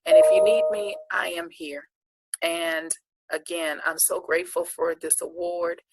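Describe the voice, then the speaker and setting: A woman's voice: lowish voice, flat delivery, measured pace, heavy background noise. A woman accepting an award and giving an earnest, preacher-like speech of encouragement. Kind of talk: inspirational speech.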